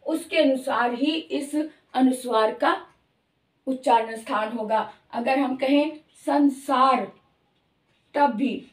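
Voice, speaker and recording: A woman teaching Hindi grammar, explaining slowly and drawing out each sound she demonstrates. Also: high voice, reverberant, recorded from a distance. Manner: slow, careful, drawn-out demonstration of sounds. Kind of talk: explanatory lesson.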